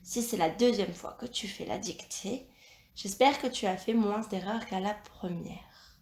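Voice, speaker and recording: Slow, deliberate woman teacher. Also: mid-range voice, darkish tone, echoey room. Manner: slow, carefully spelled-out instruction. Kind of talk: dictation lesson.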